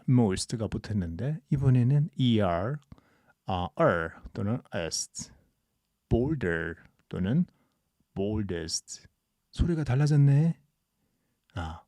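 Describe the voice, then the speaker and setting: In a dry recording, a medium-pitched male channel host teaches English at an easy podcast pace. He's calm and patient in his explanations and stretches out the example sentences.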